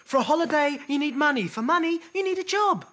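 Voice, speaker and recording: A man with an English accent playing a hapless, exasperated flatmate in a children's sitcom, in an exaggerated style. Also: extremely high pitch, fast talker, exaggerated voice. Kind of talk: scripted children's sitcom acting.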